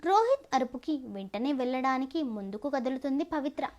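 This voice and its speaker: A woman narrating a scripted audio story in an expressive, dramatic way. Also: high-pitched, fairly quick, highs cut off.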